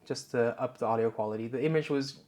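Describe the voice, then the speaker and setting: Speaking quickly at a medium pitch, a man from the Netherlands with a light Dutch accent vlogs casually to camera from his home office. He's a YouTuber on a wireless clip-on mic, relaxed and rambling, dropping lots of "uh"s as he explains things.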